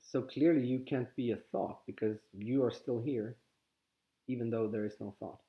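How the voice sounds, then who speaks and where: This calm male spiritual teacher, a native Swedish speaker from Sweden with a Swedish accent, walks listeners through a contemplative teaching at a medium pitch. He keeps pausing and starting his sentences over, and the lo-fi audio is slightly dull.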